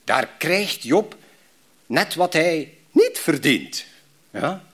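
Animated West Flemish preacher, high and lively. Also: male voice, drawn-out words, breathy edge. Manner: animated, repetitive restarts, rhetorical questions to the congregation. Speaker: pastor. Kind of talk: sermon.

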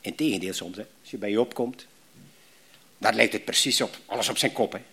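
A man's voice: fairly low pitch, a little fast, gravelly, breathy edge. A middle-aged man from Belgium with a West Flemish accent, preaching a sermon with rhetorical questions and frequent restarts. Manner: animated, repetitive restarts, rhetorical questions to the congregation. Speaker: pastor.

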